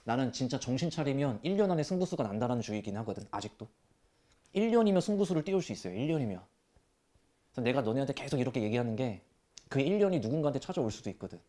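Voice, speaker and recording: A man teaching math to high school students, scolding them bluntly with rough language and rhetorical questions. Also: big pitch swings, racing, mellow. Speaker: math tutor. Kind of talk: classroom lecture.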